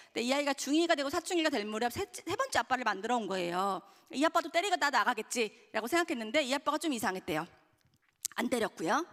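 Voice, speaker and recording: Fast-talking woman speaker in a hall. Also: a little high, a bit bright. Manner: earnest, addresses the audience directly. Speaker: author and speaker. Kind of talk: storytelling talk to an audience. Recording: hall with long reverb.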